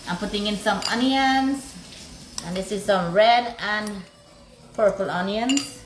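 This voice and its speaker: A woman's voice: medium pitch, slow pace, roomy sound, over music, low-quality recording. Effusive woman hosting a cooking stream. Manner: effusive, greets viewers with "big love". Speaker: cooking vlog host. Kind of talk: live cooking demonstration with viewer shout-outs.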